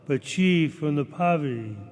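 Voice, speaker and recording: Male clergy voice, solemn and measured, reading the Gospel in a long cathedral reverb. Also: a little high, animated, a little mellow, soft background music. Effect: cathedral echo. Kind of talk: chanted liturgical reading. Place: large church.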